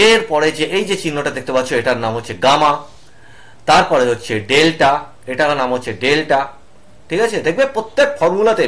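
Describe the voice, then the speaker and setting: A man's voice: on the high side, fairly bright tone. A middle-aged man teaching an online lesson, patiently naming each symbol one by one. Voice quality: patient, explanatory, spells out each symbol slowly.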